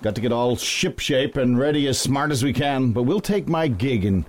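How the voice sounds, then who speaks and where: Gruff, genial old whaling-era captain played by a man, lively intonation, period nautical radio play. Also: medium pitch, moderate pace, close to an everyday voice. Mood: brisk, genial. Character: gruff, jovial old sea captain, self-styled old sea dog. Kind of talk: period maritime audio drama acting.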